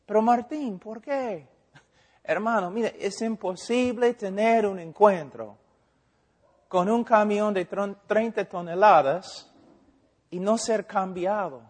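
A man preaching a sermon, animated, acting out dialogues and asking rhetorical questions. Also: high voice, takes it slowly. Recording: long hall reverb.

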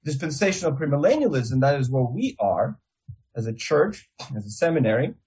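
A man's voice: on the high side, very animated, brisk, darkish tone, slightly rough, poor audio. A man with a Russian accent giving a theology lecture as a Bible teacher, explaining things step by step.

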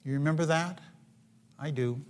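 A man's voice: on the high side, normal speed. A man preaching a sermon to a congregation, earnest, with frequent fillers and restarts, often asking his listeners questions. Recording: long hall reverb.

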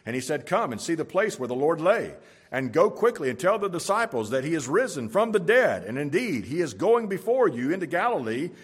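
Man, pastor, sermon, husky, slightly high voice, emphatic scripture reading. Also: sing-song, fairly quick. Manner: reads scripture aloud with emphatic rises. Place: church sanctuary.

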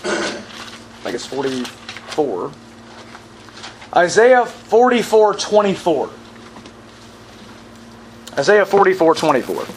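A man's voice: high voice, big pitch swings, takes it slowly, long pauses, slight background noise, low-quality recording. A man teaching from the Bible in a sermon style, asking the audience questions and repeating verse references.

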